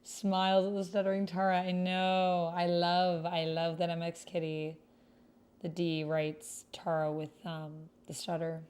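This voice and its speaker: With a fairly low, darkish voice and a completely flat, unhurried delivery, a woman streamer reads aloud her typed roleplay in a gushing, sentimental style while chatting casually. It's a text-based roleplaying game. Computer keyboard typing is heard over clear background noise.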